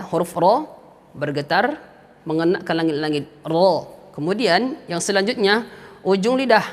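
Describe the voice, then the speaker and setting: A man teaching a tajwid lesson, going through the points one by one and explaining each Arabic term in plain words. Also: fairly high pitch. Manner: stretches out letter sounds slowly when demonstrating. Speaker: Quran recitation teacher.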